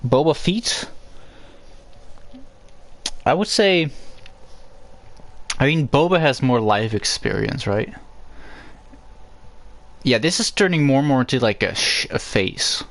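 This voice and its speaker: A male game streamer talks in an easy, rambling way while he builds, thinking out loud and dropping swear words freely. His voice sits at an ordinary middle pitch, and the delivery is loose and off the cuff. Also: lively intonation, measured pace, gravelly, pauses often. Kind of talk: casual livestream gameplay chat.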